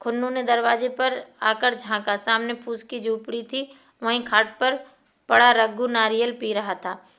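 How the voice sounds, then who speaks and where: A woman reading a classic short story aloud in a steady, expressive narration. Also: a little high, a little slow.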